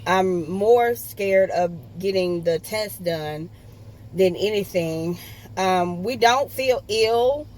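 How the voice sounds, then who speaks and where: A vlogger talks casually to her audience, sounding hesitant and anxious as she shares personal vlog talk. Her voice is medium-pitched, slow and darkish, and the low-quality recording carries a little hiss or hum with a music bed behind her.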